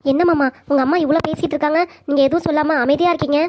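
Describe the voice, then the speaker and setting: திருநெல்வேலி வட்டார வழக்கில், வருத்தத்துடன் கெஞ்சியும் தன்னைக் காத்துக்கொண்டும் பேசும் இளம் மருமகளாக ஒரு பெண் குரல் கொடுக்கும் cartoon. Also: female voice, high-pitched, steady tone, racing, darkish tone, close to an everyday voice. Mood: pleading. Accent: Tirunelveli Tamil. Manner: pleading, emotional. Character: young wife, pleading and hurt daughter-in-law. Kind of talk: cartoon comedy voice acting.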